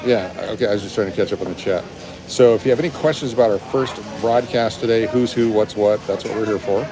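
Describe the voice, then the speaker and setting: A man in his fifties talks fast while hosting a casual, slightly rambling live stream from a busy restaurant. The low-quality recording, made on a phone held at arm's length, has restaurant chatter and rumble behind him.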